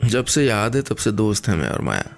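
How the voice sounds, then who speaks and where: A man voicing a gentle, emotional young married woman in a radio story, speaking softly and with feeling. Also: on the low side, very animated, brisk, gravelly, faint music behind.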